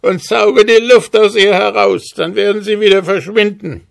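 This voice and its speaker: A man voicing a small, sly male dwarf who wails and pleads in a shrill, high voice. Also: steady tone, moderate pace, vocal fry. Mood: pleading, wailing.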